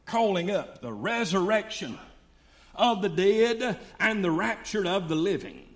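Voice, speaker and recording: A man's voice: high voice, lively intonation, measured pace. An older man preaching a sermon in a fervent, folksy way.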